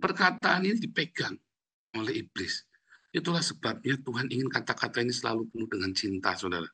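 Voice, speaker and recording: A male pastor from Indonesia preaching a lively, joking sermon that addresses his listeners directly. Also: mid-range voice, a little fast, breathy edge.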